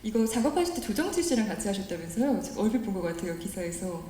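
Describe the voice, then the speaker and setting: Woman host, polite cheerful radio presenter vibe, chatty n animated, echoey room w bit of noise. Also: mid-range voice, fast. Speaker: press conference host. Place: indoor press conference room. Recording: roomy event hall with background noise.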